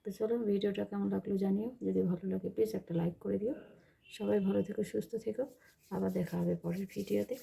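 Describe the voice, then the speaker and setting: A woman's voice: mid-range voice, fairly even intonation, fast, gravelly, warm tone, slightly rough. A woman chatting casually in a home vlog, explaining things as she shows them around her house. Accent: Bengali. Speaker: vlogger.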